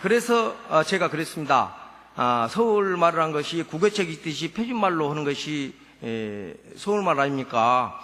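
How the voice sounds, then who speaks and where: A church elder with a thick Jeolla dialect accent tells his conversion story in a playful, storytelling way. His voice sits high and sounds bright and forceful. The sound carries a long reverb from a church hall. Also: sing-song, moderate pace. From Suncheon, South Jeolla, Korea. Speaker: church elder giving testimony. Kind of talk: humorous testimony at a church revival meeting.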